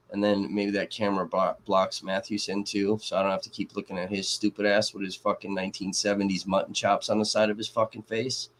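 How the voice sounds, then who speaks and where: A man from Kenosha, Wisconsin, hosting a live trial commentary stream and ranting in a profane, sarcastic way. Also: fairly low pitch. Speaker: livestream host.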